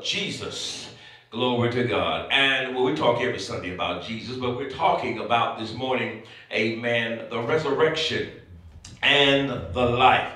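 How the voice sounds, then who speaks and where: Male bishop at a pulpit microphone, crisp bright tone, heavy church echo, sermon cadence full of amens. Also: medium pitch. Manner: punctuates phrases with frequent amens. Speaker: bishop preaching. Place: church sanctuary. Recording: echoey church sanctuary, mic at a distance.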